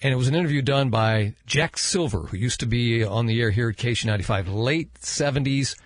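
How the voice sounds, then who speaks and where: An older American male podcast host chats in a husky voice. He rambles and halts as he reminisces, close on the mic in a dry room. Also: mid-range voice, fairly quick, no room sound. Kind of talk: casual chat. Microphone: close studio microphone.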